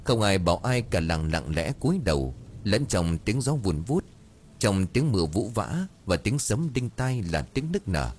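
A man's voice: lowish voice, big pitch swings, measured pace, a little mellow, slight background noise. A man narrating a dramatic audiobook story.

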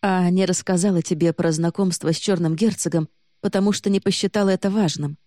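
A woman's voice: fairly even intonation, a little fast, dark tone, no room sound, studio quality, close to an everyday voice. A woman reading the lines of a young woman who is bewildered and pleading. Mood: firm. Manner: pleading, rising in pitch.

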